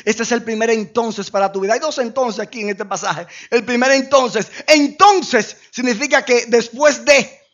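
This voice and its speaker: A male pastor preaching a sermon, swinging between shouted declarations and low, hushed storytelling. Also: moderate pace, dull audio.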